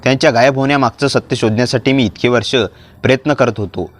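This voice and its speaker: A man's voice: mid-range voice, steady tone, fast talker, natural voice. A man reading as an earnest family friend. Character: earnest male family friend seeking truth.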